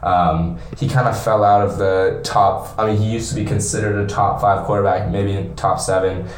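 A man's voice: on the low side, little pitch movement, moderate pace, slight background noise. A man co-hosting a casual sports podcast, recorded in a small, echoey, bathroom-like room. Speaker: podcast co-host.

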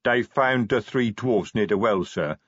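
A man voicing a big male troll sergeant who talks slowly and patiently, with broken grammar. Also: on the low side, fairly bright tone, husky, no echo. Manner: slow, patient, plodding, ungrammatical. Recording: dry, slightly dull audiobook sound.

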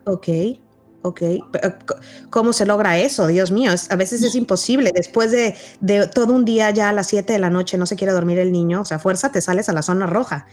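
A woman hosting a podcast, telling lively personal stories and reacting quickly. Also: medium pitch, faint music behind. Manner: chatty, animated anecdotes, quick reactions. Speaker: podcast host. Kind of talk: casual podcast conversation.

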